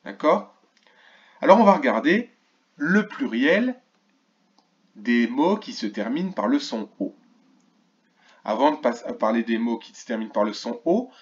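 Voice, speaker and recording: A male teacher records a lesson for young children, stretching out each key word and pausing to ask the absent class questions. His voice sits in a middle range. The recording sounds dull and lo-fi. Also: mid-range voice. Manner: slow, clearly articulated, stretches key words. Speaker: primary school teacher. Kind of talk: remote lesson for first graders.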